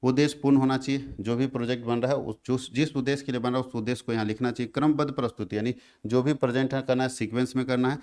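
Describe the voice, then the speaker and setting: A man's voice: mid-range voice, fairly even intonation, racing, few pauses, a little mellow, smooth. A male teacher giving an exam revision lecture. He goes over each point twice and keeps checking that students follow.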